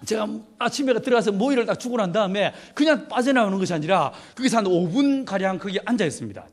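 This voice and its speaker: A middle-aged man preaching a humorous sermon at a youth retreat, telling stories with playful laughter. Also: high voice. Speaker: pastor.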